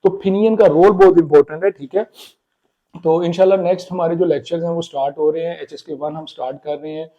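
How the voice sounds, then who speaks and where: A man explaining Chinese pronunciation in a casual spoken lesson, repeating words slowly. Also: fairly high pitch, fairly even intonation, lo-fi sound. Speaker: Chinese language teacher.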